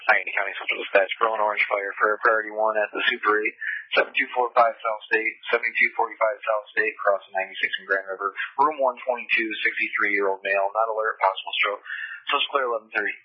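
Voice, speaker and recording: Guy on dispatch radio rattling off calls super fast, flat monotone, kinda husky, lo-fi and dry. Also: on the low side, no room sound. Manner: rapid clipped address readout, repeats key details. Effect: dispatch radio transmission. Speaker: emergency dispatcher. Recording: lo-fi radio channel.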